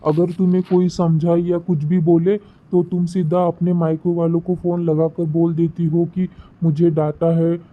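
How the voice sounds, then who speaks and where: A man voicing an exasperated young husband in an animated story, scolding his wife. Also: fairly high pitch, normal speed, phone-quality sound, natural voice.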